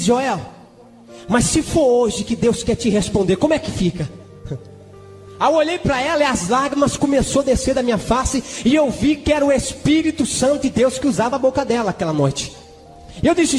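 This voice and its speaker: Male preacher testimony voice: very high, fervent, bursts of tongues, echoey church hall with music behind. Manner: fervent storytelling with sudden shouted exclamations; breaks into tongues between sentences. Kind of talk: sermon testimony.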